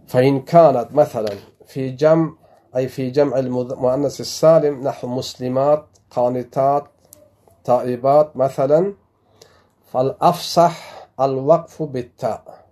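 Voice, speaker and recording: Mellow-voiced man teaching Arabic grammar. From Afghanistan. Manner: slow explanatory, repeats examples, drops low at the end of each example. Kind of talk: classroom lesson explaining a text.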